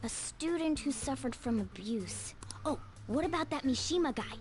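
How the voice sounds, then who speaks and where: A woman's voice: high voice, expressive, moderate pace. A woman voicing a cheeky, bossy little talking cat in a video game, scolding and pert. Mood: smug. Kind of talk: video game dialogue acting. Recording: background music under dialogue.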